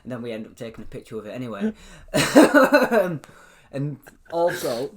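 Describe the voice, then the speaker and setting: A man, co-hosting a casual chat and telling stories in an animated way, laughing often and swearing freely. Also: medium pitch, moderate pace. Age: 20s. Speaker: podcast co-host.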